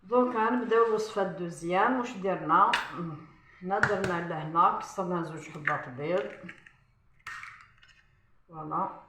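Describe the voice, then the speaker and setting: A woman's voice: fairly low pitch, normal speed, pauses often, echoey room, noisy background. A woman with an Algerian Arabic accent, a chef walking viewers through a recipe step by step while cooking and often saying "voilà".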